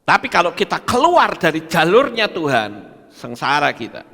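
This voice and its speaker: A man's voice: a little high, big pitch swings, normal speed, vocal fry, sharp tone. An older man, a pastor preaching emphatically and firing rhetorical questions at his congregation. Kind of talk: sermon. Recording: long hall reverb.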